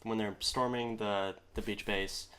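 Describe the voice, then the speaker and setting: Low-voiced, thoughtful man. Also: fairly even intonation, unhurried, a bit bright, slight background noise. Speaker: podcast co-host. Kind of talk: casual fan chat.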